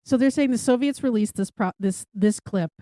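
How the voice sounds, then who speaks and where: A woman's voice: fairly high pitch, moderate pace, dark tone, dry recording. A woman co-hosting a podcast in casual chat, swearing freely and saying "like" a lot. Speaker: podcast co-host.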